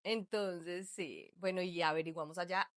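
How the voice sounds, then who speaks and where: A woman's voice: on the low side, fairly even intonation, measured pace, dry recording, studio quality. A woman from Colombia with a Colombian accent, a guest on a podcast, chatting as she tells her story. She pads her talk with lots of fillers. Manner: chatty storytelling, full of fillers like "pues" and "entonces". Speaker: guest, migrant mother. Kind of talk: casual conversational interview.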